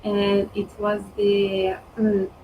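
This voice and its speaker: A woman from Iran, chatting casually in English on a video call with slow, halting pauses. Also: medium pitch, completely flat delivery, warm tone, distant mic, slight background noise, poor audio. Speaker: conversation club participant. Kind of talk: casual online chat in English.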